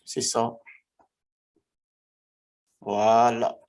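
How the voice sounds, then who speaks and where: A man in his forties from the Republic of the Congo, speaking. He tells his own life story in a vlog, halting often and repeating himself. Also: mid-range voice, flat delivery, a little mellow. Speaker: vlogger.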